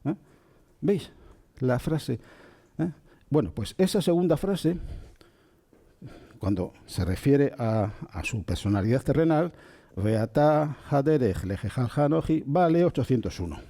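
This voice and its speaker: A man teaches in a calm, unhurried voice that is dark and mellow. His pitch rises and falls a lot as he explains and asks his listeners questions. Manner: slow and gentle, checks in with listeners. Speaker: spiritual teacher. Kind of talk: calm spoken lecture on Kabbalah.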